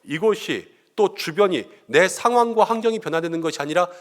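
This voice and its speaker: A middle-aged male pastor delivers a Sunday sermon with a lively, swinging delivery. His voice sits a little high for a man and rises sharply when he acts out the lines he quotes. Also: fairly quick. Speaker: senior pastor.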